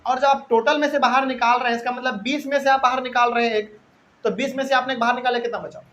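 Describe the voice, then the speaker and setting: A man's voice: extremely high pitch, steady tone, fast talker, a bit bright, a little hiss or hum, low-quality recording. A man teaching a math lesson, explaining step by step and asking questions before answering them himself.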